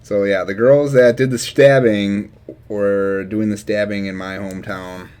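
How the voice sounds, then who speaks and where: A young Wisconsin man rambles casually on a live stream, laughing often while his volume climbs to loud and sinks to a mumble. His voice sits on the low side, with a steady, smooth, unhurried delivery.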